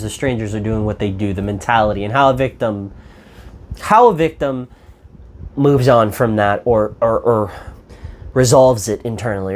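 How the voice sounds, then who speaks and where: A man ranting through a movie review, exasperated and profane, rambling as he goes. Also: mid-range voice. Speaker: film reviewer.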